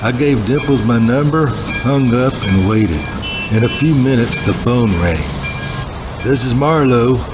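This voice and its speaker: A man puts on a hardboiled noir hero narrating a parody radio drama. He is deadpan, terse and slangy, with a mid-pitched voice and prominent music underneath. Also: unhurried, lightly acted, rough recording. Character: self-important hardboiled male private-eye type, slangy bank manager. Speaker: narrator and lead character.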